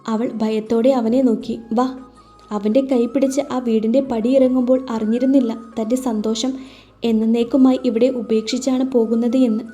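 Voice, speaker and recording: A woman's voice: a little high, flat delivery, a little fast, warm tone, soft background music. A woman reading a romantic story aloud as scripted narration, speaking the characters' lines in her own voice.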